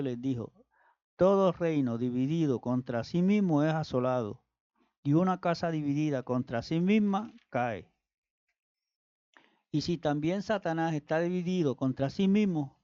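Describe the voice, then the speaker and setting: A man reading Bible passages aloud in a steady, measured way. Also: a little high, dry recording, highs cut off. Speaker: scripture reader.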